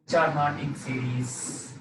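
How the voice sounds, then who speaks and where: South Indian accent, male teacher, questioning and repetitive, highish voice, distant mic, noisy background. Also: steady tone, a little slow, fairly bright tone, echoey room. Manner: repeats phrases, often tags with "okay". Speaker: physics teacher. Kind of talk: live lesson, working through problems and questioning a student.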